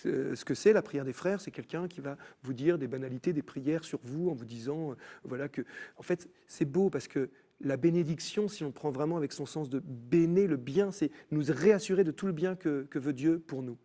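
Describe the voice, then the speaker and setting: A man telling his personal faith story as a TV guest, in an animated storytelling manner with many restarts. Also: fairly high pitch, normal speed. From France. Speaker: guest musician. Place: TV studio.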